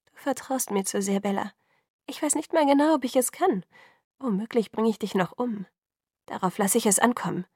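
A woman reading an audiobook, voicing a quick, bright young female vampire who talks briskly. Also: a little high, breathy edge, no echo, clean studio sound. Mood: lively. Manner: brisk and lively, talks fast when excited.

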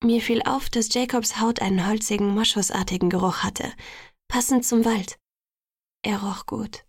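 A woman's voice: a little high, steady tone, moderate pace, dry recording. A woman narrating a first-person audiobook in an intimate, sometimes whispered voice, close to the microphone.

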